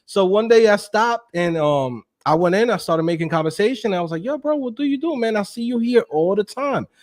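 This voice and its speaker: A young man telling his story as an interview guest, slangy and animated, acting out quotes with laughs. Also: high voice, fairly quick. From Queens, New York. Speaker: guest, web developer.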